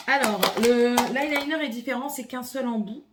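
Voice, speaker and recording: A woman's voice: on the high side, moderate pace, heavy background noise. Chatty woman unboxing makeup at home. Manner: chatty, thinks aloud while unboxing. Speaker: beauty vlogger. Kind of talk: casual makeup haul with swatches. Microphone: phone camera.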